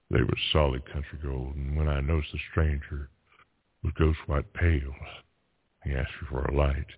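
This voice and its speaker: Very deep husky man calling in by phone. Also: no echo. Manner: halting, many fillers and restarts when chatting. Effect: heard over a phone line on a radio call-in show. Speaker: radio show caller reciting a poem. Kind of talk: poetry recitation and casual chat. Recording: tinny phone line, dry.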